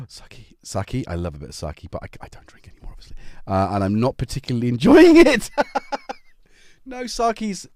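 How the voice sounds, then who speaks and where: Here a North Welsh man in middle age greets his livestream audience by name from his home, keeping things casual and jokey in his local accent. His voice is mid-range and a touch mellow. The recording is clean studio sound with no echo.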